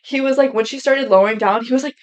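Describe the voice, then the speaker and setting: A young woman co-hosting a podcast, retelling events in a gushing, animated way. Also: high voice, quick pace. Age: young adult. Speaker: podcast co-host. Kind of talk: casual chat.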